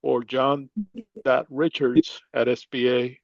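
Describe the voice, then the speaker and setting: A man giving a webinar presentation about business loans in a halting, formal way, his audio breaking up over a bad internet connection on a video call. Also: medium pitch, level tone, creaky, no echo, dull audio. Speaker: government loan presenter.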